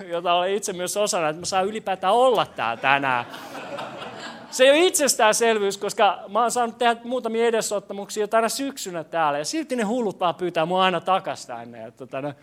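In a church hall full of congregants, a young male pastor with a high, somewhat bright voice delivers an energetic sermon. Self-deprecating and joking, he poses questions to the audience and often stumbles, stammering and starting over.

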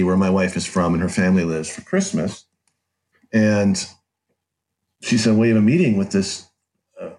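A middle-aged American author, appearing as a podcast guest, tells a personal story in a conversational, candid, and wry way. His voice sits on the low side with a darkish tone.

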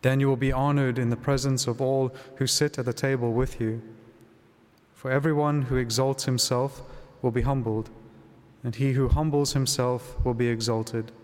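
Man, priest, calm measured preaching, mid-pitched voice, long cathedral echo trailing each phrase. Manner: calm and measured, with some restarts in the homily. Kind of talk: gospel reading and homily at Mass. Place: large church. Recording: long reverb of a large church.

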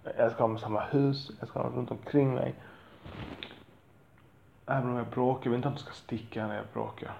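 A man speaks candidly about fatherhood with a gravelly, creaky voice. He rambles and swears bluntly with self-deprecating asides. The recording sounds a bit muffled, with faint noise behind him. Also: mid-range voice, steady tone, long pauses, echoey room. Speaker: father talking about parenting. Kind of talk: candid monologue.

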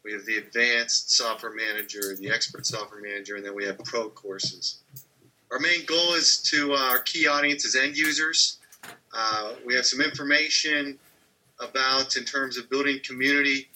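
A man's voice: mid-range voice, steady tone, moderate pace, sharp tone, rough recording. A man speaking as a podcast guest, earnestly explaining his work with a few uhs and ums. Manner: earnest, explanatory, uses fillers. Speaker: guest, training company head. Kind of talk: casual podcast interview.

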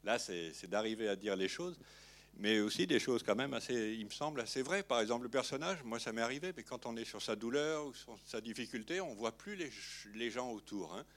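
A man's voice: mid-range voice, animated, a little fast, a bit bright. A film director talking in an interview, rambling and peppering his sentences with little fillers. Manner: rambling, filler-heavy, frequent "hein". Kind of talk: interview conversation.

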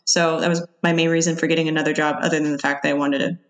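A woman's voice: low-pitched, little pitch movement, rapid-fire. A woman speaking as a guest in a casual podcast conversation, informal and a little tentative as she thinks aloud. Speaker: podcast guest, freelance video editor.

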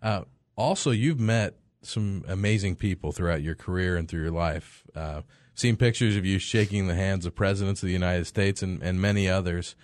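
A man's voice: low-pitched, normal speed, hardly any pauses, darkish tone, dry recording. A man hosting a podcast, asking long, framed questions in an encouraging way. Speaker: podcast host. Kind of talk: interview questions.

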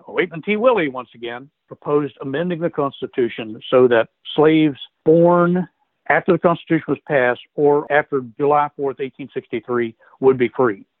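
A man from West Virginia, a guest historian, telling history in a measured, explanatory way. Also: mid-range voice, no room sound. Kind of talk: history interview storytelling. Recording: tinny phone-like line, dry.

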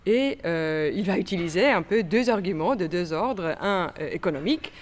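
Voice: mid-range voice, animated, normal speed, a little hiss or hum. An exhibition curator explaining history in an interview, with frequent fillers and restarts. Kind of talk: expert interview answers.

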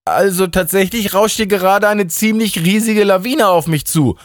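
A man doing a panicky, squeaky young woman. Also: moderate pace, natural voice. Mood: panicked. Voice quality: high, stammering, whiny.

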